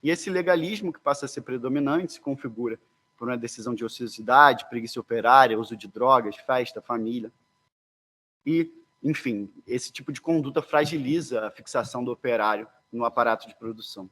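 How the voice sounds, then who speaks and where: A man with a Brazilian accent gives an academic conference presentation. His voice is of average pitch, and he speaks in a formal, scholarly style. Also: brisk, a bit bright. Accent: Brazilian Portuguese.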